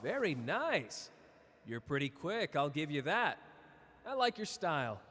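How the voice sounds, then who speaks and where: Man acting Gojo, cocky high-voiced flirty sorcerer. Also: very animated, a little slow. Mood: smug. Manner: playful, smug, drawling, teasing. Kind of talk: anime character roleplay audio drama. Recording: reverberant hall, audible background noise.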